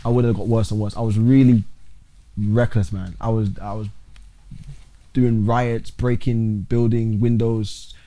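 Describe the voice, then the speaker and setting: Young man, dark voice, halting. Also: lowish voice, little pitch movement. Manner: halting, restarts often, calls the host bro. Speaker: podcast guest. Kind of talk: casual interview talk.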